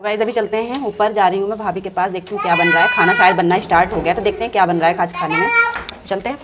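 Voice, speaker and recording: With a medium-pitched voice, she talks rapid-fire. This adult woman is a family vlogger chatting lovingly with viewers in an informal vlog from inside her home, recorded against noisy domestic background sound.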